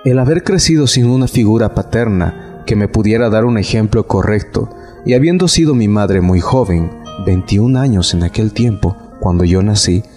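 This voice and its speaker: Over faint instrumental music, a Bolivian man in his thirties, a prison pastor, prays solemnly with repeated invocations, reads scripture, and shares his personal testimony. His voice is lowish and warm, with lively intonation at a moderate pace.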